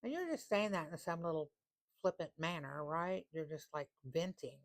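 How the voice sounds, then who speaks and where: A woman giving a casual tarot reading, reading card text slowly and repeating phrases for emphasis. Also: deep voice, lively intonation. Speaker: tarot reader.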